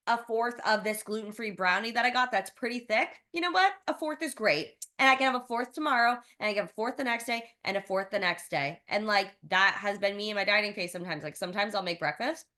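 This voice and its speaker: A young woman co-hosting a podcast in casual chat, animated and acting out her own thoughts. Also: fairly high pitch. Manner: animated, quick to act out inner thoughts. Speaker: podcast co-host. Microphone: podcast mic, in person.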